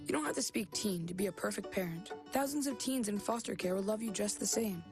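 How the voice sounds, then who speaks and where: A woman's voice: medium pitch, fairly quick, music in the background. Woman reading a public service ad. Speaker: ad announcer. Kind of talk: scripted ad read.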